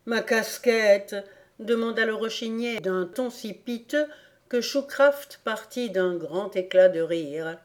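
A woman reading a novel aloud as an audiobook narrator, in a measured storytelling manner. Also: medium pitch. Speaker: audiobook reader. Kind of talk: scripted narration.

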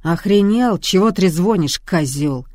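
The audiobook narrator voicing a rude, hysterical housewife who yells abuse at intruders. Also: medium pitch, animated, normal speed, breathy edge, no room sound. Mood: shrieking angry. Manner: yelling, abusive.

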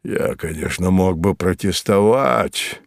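A man reading an audiobook, voicing a pompous older gentleman who mutters and grumbles in a low, offended voice. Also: slow, gravelly, dry recording, clean studio sound, exaggerated voice. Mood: grumbling. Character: grumbling older male hotel guest, pompous. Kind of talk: audiobook character voice.

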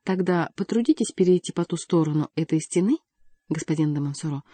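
A woman reading an audiobook voices a calm, ironic young male courtier who teases his opponent. Dry, close recording. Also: low voice, fairly quick, husky, dry recording. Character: mocking, cool-headed young male courtier.

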